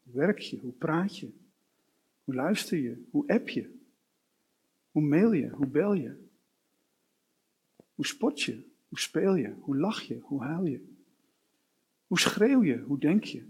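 A male preacher delivers his sermon at an unhurried, deliberate pace. His voice is slightly high for a man and carries a husky edge. He builds his points through strings of repeated short questions. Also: lively intonation. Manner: slow, with repeated rhetorical questions.

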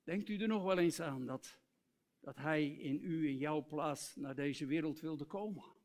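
A male preacher giving an earnest sermon, reciting hymn lyrics and dropping to soft, tender tones. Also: on the high side, unhurried.

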